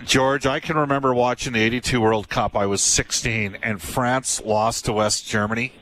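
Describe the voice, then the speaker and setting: Rambling middle-aged radio host. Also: male voice, mid-range voice, steady tone, moderate pace, fairly bright tone, a little hiss or hum, low-quality recording. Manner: chatty, rambling, loses his thread. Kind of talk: casual sports talk.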